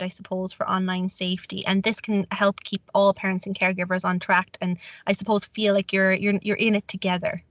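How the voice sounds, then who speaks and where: A woman's voice: medium pitch, a bit bright, no room sound. A woman from Ireland, giving an earnest webinar talk over a video call, with many fillers and restarts. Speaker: webinar presenter on online safety.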